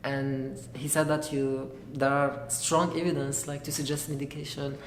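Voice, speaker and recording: A young man from Algeria, giving an earnest, halting personal testimony as a graduate student. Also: medium pitch, flat delivery. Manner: earnest, halting, searching for words. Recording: echoey room with faint noise.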